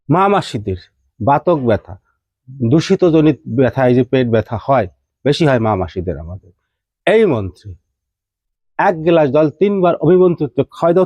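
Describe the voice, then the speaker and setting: In this devotional teaching talk, a tantric teacher instructs on mantras, chanting verses in a rising singsong and directly posing rhetorical questions to his listeners again and again. He has a mid-range voice, and the recording is dry and dull.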